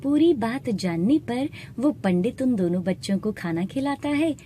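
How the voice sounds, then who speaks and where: A woman narrating an animated moral story in a steady, plain storytelling manner. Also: fairly high pitch, a little slow, slight background noise. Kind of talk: scripted narration.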